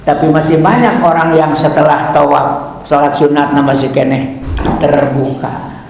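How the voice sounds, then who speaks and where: A man's voice: fairly high pitch, moderate pace, gravelly, slight background noise. A man giving religious instruction on pilgrimage rites, often asking his listeners questions. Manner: addresses audience with frequent questions, animated. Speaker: umrah pilgrimage guide. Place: mosque hall. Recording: echoey hall, faint ambience.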